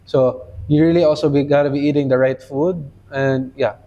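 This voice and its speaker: A man's voice: on the high side, fairly even intonation, normal speed, dark tone. A man hosting a podcast in casual chat, talking loosely with lots of "you know" fillers. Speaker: podcast host. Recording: dull lo-fi sound.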